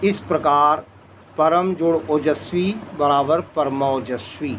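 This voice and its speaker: A man teaching grammar. He talks deliberately and repeats each rule with worked examples. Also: on the high side. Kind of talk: slow classroom explanation. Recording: dull lo-fi recording with faint background noise.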